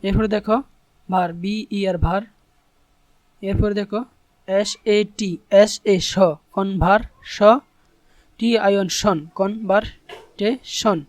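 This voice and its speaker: A man's voice: high voice, flat delivery, takes it slowly, pauses often, darkish tone, no echo. A man teaching English in an online tutorial. He explains patiently and spells words out letter by letter.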